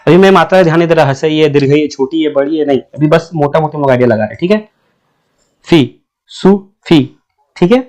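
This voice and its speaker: A man gives a casual spoken lesson on English letter sounds. His voice sits slightly high. He repeats each sound several times and keeps asking whether the listener follows. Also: darkish tone. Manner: repeats sounds slowly, checks understanding often. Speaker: English teacher.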